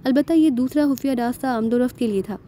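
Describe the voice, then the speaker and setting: A man's voice: very high-pitched, fast, dark tone, slight background noise. A woman voicing a proud, obliging older man who explains things at length.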